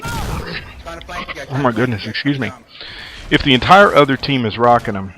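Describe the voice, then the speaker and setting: Rambling male gameplay commentator. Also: mid-range voice. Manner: rambling and conversational, many fillers. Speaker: gaming commentator.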